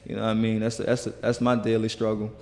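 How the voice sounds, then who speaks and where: Male guest, earnest and rambling, flat voice, reverberant hall. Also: lowish voice, fast. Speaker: guest musician. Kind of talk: casual interview talk.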